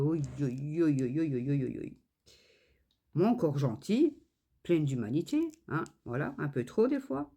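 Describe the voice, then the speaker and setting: A woman chats casually while she crafts, telling a story in a loose, animated way. She fills it with hesitations and acts out both sides of the exchange. Her pitch moves around a great deal. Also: husky. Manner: animated storytelling, many fillers and reported speech. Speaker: crafts channel host.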